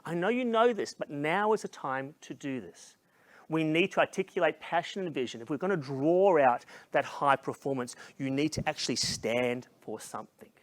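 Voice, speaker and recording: A middle-aged man giving a motivational keynote talk, telling a story with passion and dropping to a hushed voice in its emotional moments. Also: a little high, animated, moderate pace, no echo. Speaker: keynote speaker.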